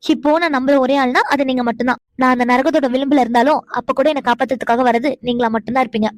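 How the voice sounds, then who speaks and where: A very high, quick voice for a fretful young cartoon wife who gets flustered and stammers when teased, played by a woman. The sound is close and dry. She exclaims and protests often. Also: steady tone, no room sound, natural voice. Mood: tender. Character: young flustered wife, shy and easily embarrassed. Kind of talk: animated cartoon voice acting.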